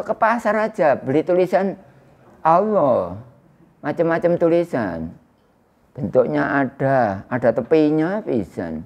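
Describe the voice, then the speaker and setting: A man in his sixties with an East Javanese accent, giving an Islamic study lecture to a small indoor congregation in a loud, projecting voice without a microphone, chatting with his listeners. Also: fairly high pitch, highs cut off. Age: 60s. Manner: conversational, teasing the audience. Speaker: religious teacher. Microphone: no loudspeaker or microphone used.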